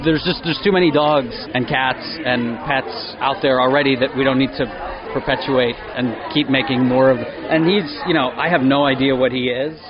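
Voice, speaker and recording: A man's voice: mid-range voice, steady tone, moderate pace. Man chatting casually, slightly muffled, crowd behind. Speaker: interviewed dog owner. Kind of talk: casual chat. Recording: dull sound in a noisy crowd.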